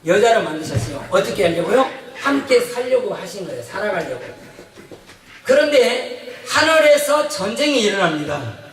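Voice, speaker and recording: A male pastor giving an animated sermon in a church, questioning the congregation as he tells stories. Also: high-pitched, moderate pace. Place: church sanctuary. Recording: echoey church hall, mic from a distance.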